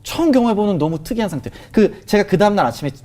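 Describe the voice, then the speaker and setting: A man sharing a personal testimony in conversation, telling it in an animated way with many fillers. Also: sits high, very fast.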